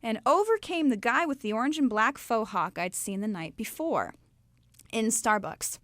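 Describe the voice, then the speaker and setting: A young woman from Ohio telling her faith story to a live audience in a lively, chatty way. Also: on the high side, moderate pace, no room sound, clean studio sound. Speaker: speaker telling her testimony.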